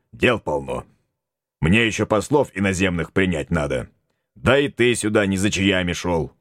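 A man's voice: sits low, no room sound, studio quality. A man voicing a folksy, bossy tsar in an audiobook, talking bluntly in homespun old-fashioned speech. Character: folksy bossy male tsar, middle-aged. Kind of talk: audiobook character voice.

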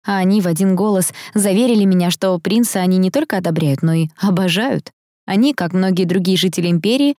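A woman narrating a novel in the first person, with a lively, expressive reading. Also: lowish voice, dry recording, studio quality. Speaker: audiobook narrator.

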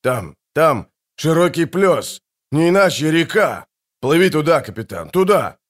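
A man voicing an excitable sailor who shouts directions from the bow of a boat. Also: on the high side, unhurried. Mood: excited.

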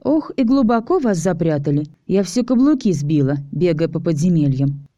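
A woman's voice: lowish voice, sing-song, moderate pace, warm tone, dry recording, highs cut off. A woman voicing a seductive, playful female vampire who teases in a sultry way. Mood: teasing. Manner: teasing, sultry.

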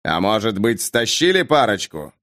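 A man's voice: lowish voice, big pitch swings, normal speed, fairly bright tone. A man reading a curt, domineering count. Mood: commanding. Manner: curt, commanding. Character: domineering male count, stern lord.

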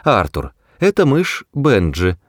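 A man voicing Trillian, a young woman who speaks briskly and matter-of-factly. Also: lowish voice, huge pitch swings, dry recording, clean studio sound, pitched above the performer's own voice, full character voice.

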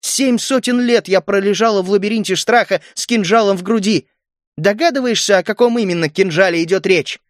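A man voicing a proud, fierce gnome queen who speaks in sharp, reproachful outbursts. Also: sits high, animated, moderate pace, no echo, clean studio sound. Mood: angry reproachful. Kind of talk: audiobook character reading.

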